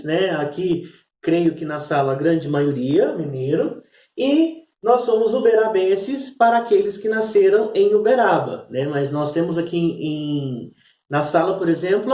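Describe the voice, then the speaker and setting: A man's voice: high voice, warm tone, echoey room, far from the mic. A man teaching a class, explaining step by step and checking in with "né?" as he goes. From Brazil. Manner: explanatory, repeats "né?" and "então". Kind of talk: recorded class lesson.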